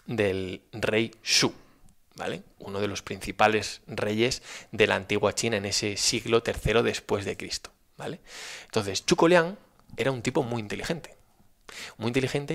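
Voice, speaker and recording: A man with an accent from Spain tells a story in a relaxed, folksy way, often checking in with his listener. His voice sits low and has a gravelly edge. He sounds animated and chatty. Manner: animated, folksy, frequent "¿vale?" check-ins. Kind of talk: storytelling in casual chat.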